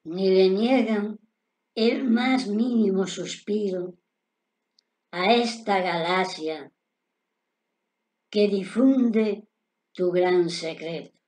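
An older man reciting his own poem in a solemn, dramatic declamation, with deliberate pauses, recorded in a room at home. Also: sits high, darkish tone. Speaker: poet reciting own work.

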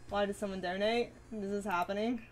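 A woman's voice: medium pitch, steady tone, brisk, a little hiss or hum. A woman streamer chatting casually with viewers, reading and answering comments in a bubbly way, swearing freely and laughing often.

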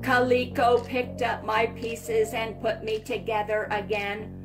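A woman voicing a calm, literal-minded male clockwork man in a storybook reading, speaking matter-of-factly. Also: on the high side, slow, music in the background.

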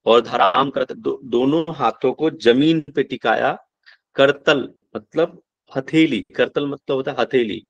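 A male yoga teacher, at a middle pitch. He chants old verses slowly and explains them in brisk, plain classroom talk. The sound is dry and close. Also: no echo, lo-fi sound. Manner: chants verses slowly, then explains quickly with "ठीक है?" checks.

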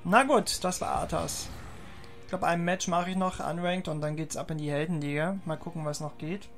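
A man's voice: on the high side, steady tone, moderate pace, fairly bright tone. A man giving casual gameplay commentary in gamer slang, half muttering to himself. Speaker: gaming streamer. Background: game music and effects.

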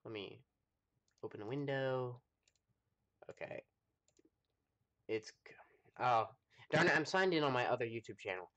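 A man with an American accent chatting casually to viewers during a live game stream, rambling with lots of fillers and pausing to eat. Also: mid-range voice, animated, pushed and bright. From United States. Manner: rambling, chatty, full of fillers, talks while eating. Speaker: livestreamer playing a space game.

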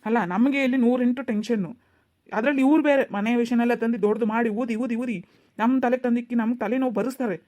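A woman's voice: a little high, fairly even intonation, fast, mellow, lightly acted. A woman voicing a stern male police officer who scolds and threatens people in a cartoon. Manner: scolding, bossy.

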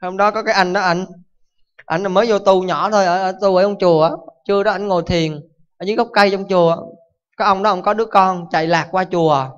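A Buddhist monk giving a dharma talk, full of animated stories and rhetorical questions to his listeners. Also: sits high, quick pace, clear, resonant tone. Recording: dull lo-fi recording.

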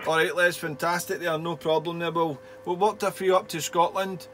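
Male radio operator, friendly and chatty with radio procedure talk, slightly high pitch, light static hum. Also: little pitch movement, normal speed. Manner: friendly, chatty, uses call signs and radio jargon. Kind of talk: casual two-way radio contact chat. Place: indoor home radio shack.

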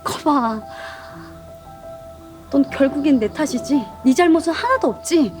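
A high-voiced young woman in her final year of college confronts her boyfriend with sharp, accusing words. Her speech comes in hurt bursts over a steady music bed. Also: measured pace. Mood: angry, hurt. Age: young adult. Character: frustrated young woman, older girlfriend, college senior. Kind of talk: web drama acting.

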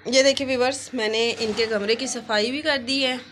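Speaking at a moderate pace, this woman has a fairly high, fairly bright voice with fairly even intonation and slight background noise. She's a family vlogger in her thirties nursing a sore throat, filming herself on a phone at arm's length and chatting straight to viewers from her bedroom and a rooftop where hens are kept.

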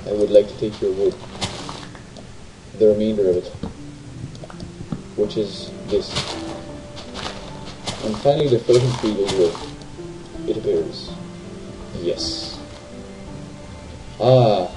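Rambling low-voiced man playing a game. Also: steady tone, takes it slowly, pauses often, rough recording. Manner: rambling, self-talking, asks viewers tag questions. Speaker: gamer. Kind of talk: casual let's play commentary. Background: faint game music.

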